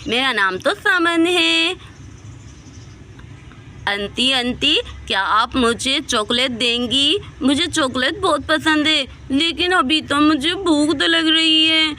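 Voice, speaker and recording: Brief: woman doing a high, bright, childish young woman in a storybook tale, pleading and naive. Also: slow, a little hiss or hum, exaggerated voice. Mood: childlike, eager.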